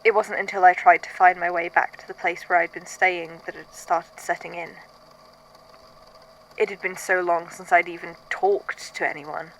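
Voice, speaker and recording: The recording is low quality, with a little hiss or hum, as a voice actor in a fan fiction audio drama plays a weary, haunted archivist documenting uncanny events. The medium-pitched, fairly bright voice keeps a flat delivery at normal speed, lightly acted. The monologue is hesitant, introspective, and conversational, with a haunted, reflective mood.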